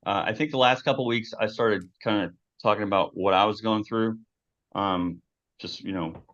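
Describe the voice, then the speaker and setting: A man co-hosting a casual live show, joking and laughing often, loose and rambling. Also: low voice. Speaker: co-host. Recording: dull lo-fi sound.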